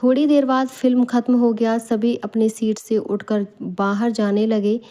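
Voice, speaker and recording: A woman storyteller in scripted narration, reading a bedtime story calmly and evenly. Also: fairly high pitch, measured pace.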